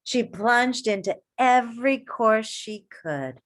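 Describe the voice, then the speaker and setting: Here a woman with a slightly high voice reads a kids' story aloud, teacher-style, deliberate and full of expression. Every so often she turns to the young listeners with a question or an encouraging remark.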